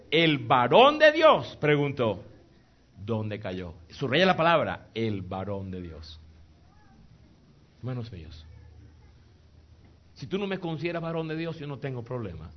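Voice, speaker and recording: A man preaching a sermon to a congregation in a church, emphatic and joking, swinging between shouts and soft, intimate passages. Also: on the low side. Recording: dull lo-fi sound with faint noise.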